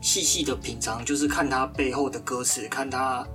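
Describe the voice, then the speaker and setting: Man, medium pitch, relaxed playful podcast talk, light music underneath. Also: moderate pace. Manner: easygoing, playful. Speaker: podcast co-host. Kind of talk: casual chat.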